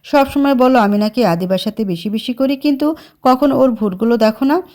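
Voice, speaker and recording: A woman's voice: a little high, fairly quick, darkish tone, close to an everyday voice. A woman voicing a stern, bossy, hot-tempered young man in a dramatized story reading. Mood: angry. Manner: bossy, scolding.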